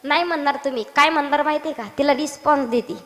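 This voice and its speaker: A woman's voice: sits high, steady tone, racing. A woman preacher giving a devotional kirtan sermon, teasing and quizzing her audience and breaking into song. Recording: long hall reverb.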